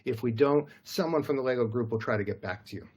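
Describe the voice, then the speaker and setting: A man's voice: mid-range voice, quick pace, darkish tone, husky. A man hosting a live interview over a video call, upbeat and chatty with a self-deprecating manner. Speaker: host.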